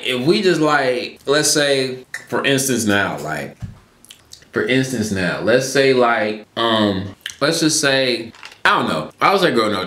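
A man's voice: mid-range voice, fairly bright tone, echoey room. A young man in his early twenties talking casually in a laid-back, slangy way with lots of fillers, sitting at a desk in a small neon-lit room, recorded by a fixed camera. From Georgia, US. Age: young adult. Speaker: vlogger. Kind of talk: casual mukbang Q&A chat.

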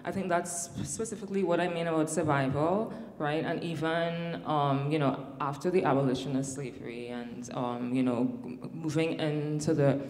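Barely pausing, a woman with a low, slightly mellow voice speaks at a moderate pace on an academic panel, thoughtful yet peppered with fillers and restarts. She's in her thirties with a Trinidadian accent, on stage in a large hall whose long reverb joins a little hiss or hum.

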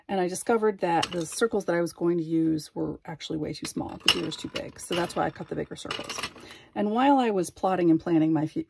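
A glass artist narrates her craft at a home workbench in a casual vlog, thinking aloud and doubting each step. Her voice is on the low side, a little mellow with vocal fry, and there's slight background noise.

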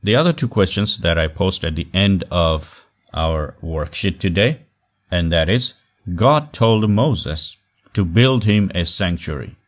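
Over a set of slides, a very low-voiced man teaches a recorded online class. His phrases are short and measured, his intonation lively, and he pauses to stress key words.

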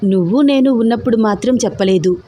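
A woman's voice: a little high, fast, mellow, natural voice. Woman voicing a pushy, teasing young lover. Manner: playful, persistent, pushy. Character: teasing, stubborn young man in love.

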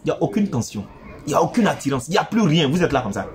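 A man delivers relationship advice as a teasing, playful monologue aimed straight at his listeners. His voice sits a little high and leaps around with very lively intonation. He moves from loud outbursts to low, quiet asides. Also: racing, a crowd in the background.

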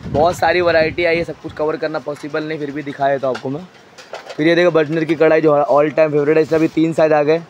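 A man showing stock in a crowded wholesale storeroom, briskly listing items and prices and telling a helper what to hold up. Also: fairly high pitch, flat delivery, darkish tone, dull audio, slight background noise. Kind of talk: walk-through product showcase.

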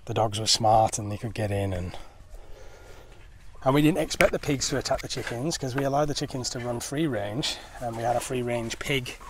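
A man's voice: medium pitch, moderate pace, a little hiss or hum. A man chatting casually and upbeat to camera for his family vlog, outdoors in a rural village and garden. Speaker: family vlogger.

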